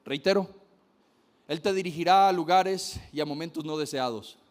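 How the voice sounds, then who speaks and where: A man's voice: on the high side, moderate pace. A man preaching a sermon, emphatic, repeating key phrases and speaking straight to his listeners.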